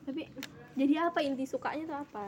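A woman's voice: high-pitched, quick pace, a little mellow, slight background noise. A young woman co-hosting a casual podcast chat, easygoing and laughing often in slangy banter. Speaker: podcast co-host.

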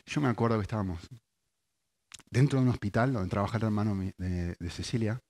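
A man with an Argentine accent preaching a sermon, alternating loud, emphatic repetition with quiet storytelling. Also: fairly low pitch, brisk. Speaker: pastor.

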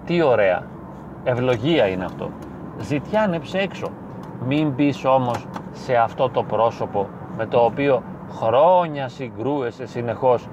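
A man, a psychologist, gives advice straight to the listener in an emphatic, repetitive way, with slow, weighty phrasing. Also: medium pitch, animated. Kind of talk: direct-to-camera advice monologue. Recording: slightly dull lo-fi sound with faint street noise.

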